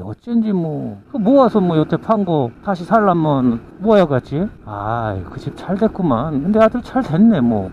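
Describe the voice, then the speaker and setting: Give me a man playing a gossiping older villager with a Gyeongsang dialect, rambling on over a thin phone-like line with faint hiss. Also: fairly high pitch. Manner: grumbling, rambling, full of fillers. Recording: tinny phone-like with faint noise.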